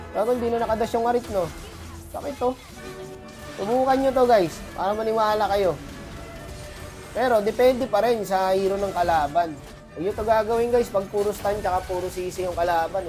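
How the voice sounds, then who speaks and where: A man's voice: high-pitched, darkish tone. A man with a cold giving chatty, boastful gameplay commentary to his viewers as a streamer. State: has a cold, voice affected. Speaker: gaming streamer.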